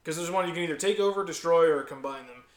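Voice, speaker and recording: A man's voice: a little high, quick pace. A man co-hosting a casual podcast, chatty and laughing often as he talks about games. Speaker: podcast co-host. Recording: echoey room with chatter behind.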